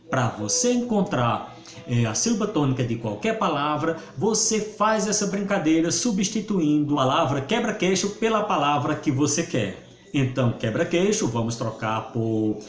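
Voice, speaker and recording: Slow, lively teacher. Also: male voice, fairly high pitch. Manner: didactic, stretches syllables for emphasis. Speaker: Portuguese teacher. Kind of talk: video grammar lesson. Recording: roomy echo.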